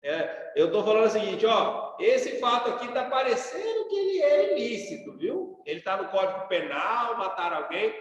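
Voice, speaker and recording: A Brazilian man lecturing on law in a relaxed, conversational style, tossing quick questions back to his class. His voice sits fairly high for a man. It rings through a very echoey hall with a long reverb tail. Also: muffled recording. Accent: Brazilian Portuguese. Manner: colloquial, rhetorical questions and tags like "sacou?". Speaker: law professor.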